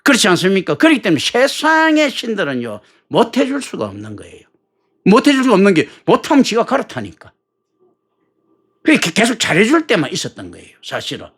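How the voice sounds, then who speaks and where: Animated, joking male pastor preaching. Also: high voice, a little fast, husky. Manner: colloquial, joking preaching with many rhetorical questions. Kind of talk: sermon.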